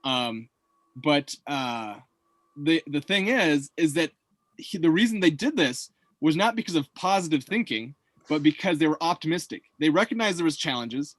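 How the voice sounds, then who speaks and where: A man's voice: on the high side, lively intonation, normal speed, no echo. A man hosting a casual chat, rambling with many fillers and restarts. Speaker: host.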